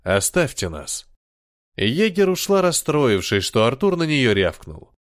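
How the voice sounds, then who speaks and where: Expressive male audiobook narrator, dry close. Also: a little high, measured pace, no room sound. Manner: expressive, varied storytelling. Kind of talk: scripted narration.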